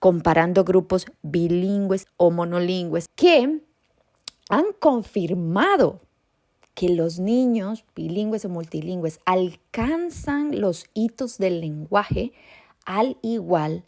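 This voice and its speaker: A woman hosting a podcast on raising bilingual children, explaining calmly and speaking straight to parents. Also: on the low side, gravelly. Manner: calm, explanatory, addresses parents directly. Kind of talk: informative podcast talk.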